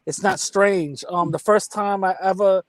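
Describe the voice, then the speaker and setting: Man, New York accent, fairly high voice, dry close mic, candid streetwise storytelling, casual chat. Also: steady tone, a little slow, no echo, poor audio. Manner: streetwise, candid, frequent restarts.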